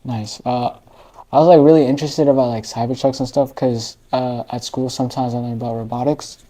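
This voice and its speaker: Fast-talking casual male host. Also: mid-range voice, steady tone, dark tone, rough recording. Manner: casual, curious, heavy use of filler "like". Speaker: interview host. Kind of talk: casual interview chat.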